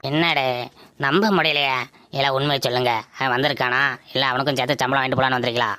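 Bossy village landlord, actor voicing him, bright, quick and flat, dry close sound. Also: mid-range voice, clear, resonant tone, dry recording, natural voice. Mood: scolding. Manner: scolding, commanding. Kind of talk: village comedy skit.

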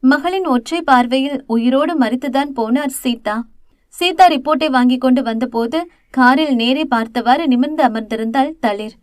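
Woman narrator, audio novel, steady expressive reading, high voice, dry close sound. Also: normal speed, no room sound. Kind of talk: scripted narration.

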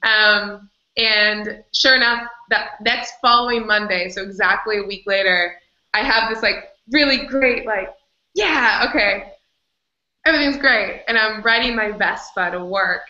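A woman with a bright, forceful voice shares her story as an interview guest, animated and quick to laugh. She acts out what she said back then. The recording sounds roomy and a little dull. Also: mid-range voice. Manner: animated, laughs often, acts out her own past words. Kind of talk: candid storytelling in conversation.

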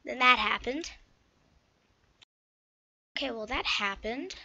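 Slow, bright-voiced woman on a dull mic. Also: fairly high pitch, animated, vocal fry, slight background noise. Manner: slow, halting, thinking aloud. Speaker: gaming channel host. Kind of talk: live gameplay commentary. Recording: dull lo-fi mic with keyboard clicks.

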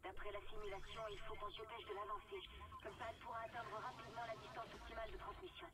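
A measured voice over the radio, played by an actor, briefing the hero on the next objective without hurry. Loud game noise sits heavily under the line. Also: medium pitch, flat delivery, natural voice. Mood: calm. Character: radio contact giving mission orders.

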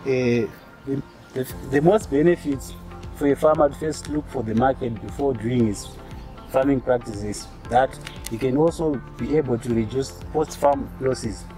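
Zimbabwean panelist, twenties, hesitant, mixes Shona, clear music behind. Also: male voice, mid-range voice, normal speed, warm tone. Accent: Zimbabwean English. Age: 20s. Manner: switches into Shona, hesitant fillers. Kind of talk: panel discussion. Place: outdoors by a brick wall.

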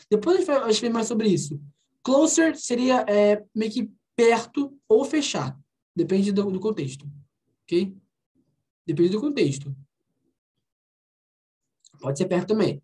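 A woman with a Brazilian accent runs an online English lesson over a computer mic. Her voice is soft and breathy, and she drills each word slowly and patiently. She sits at a mid pitch that is typical for a woman. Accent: Brazilian Portuguese. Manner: patient, repeats words slowly to model pronunciation. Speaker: English teacher. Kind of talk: online language class. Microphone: computer mic on a video call.

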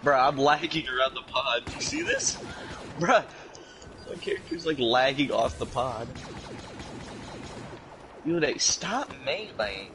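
A man's voice: medium pitch, expressive, slow, pauses often, pushed and bright, faint music behind. A man talking like a hyped, slangy, swearing gamer bro in casual team voice chat during an online game.

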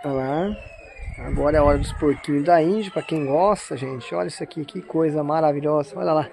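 A Brazilian vlogger with a fairly high, creaky, darkish voice speaks fairly quickly as he films a casual walking tour at a farm zoo. He exclaims and points things out to viewers, with outdoor crowd and vehicle noise in the background.

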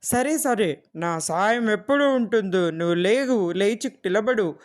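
A woman voicing an eager, restless, always-hungry female squirrel in a children's storybook, in a brisk plain voice. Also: mid-range voice, animated, natural voice. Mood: urgent.

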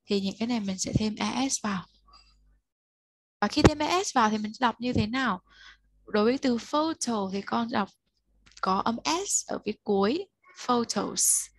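A woman's voice: a little high, normal speed, pauses often, no room sound. Patient woman tutor, dry close sound. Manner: patient, explains step by step, prompts the learner. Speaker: English tutor. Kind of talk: one-on-one tutoring of a child.

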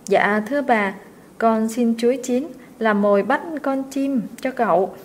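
A woman's voice: fairly high pitch, a little slow, slight background noise, natural voice. Woman doing a timid poor servant boy. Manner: pleading, earnest.

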